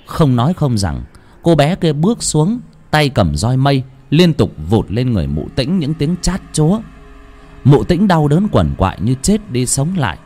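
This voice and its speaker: A man narrating a folk tale in an expressive way. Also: medium pitch, normal speed, faint music behind. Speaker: storyteller. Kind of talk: dramatic story narration.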